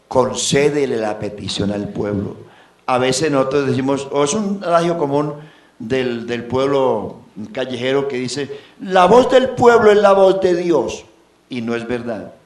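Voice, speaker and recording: A pastor preaching a sermon, with big swings in pitch and loudness. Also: male voice. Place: church. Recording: roomy church echo.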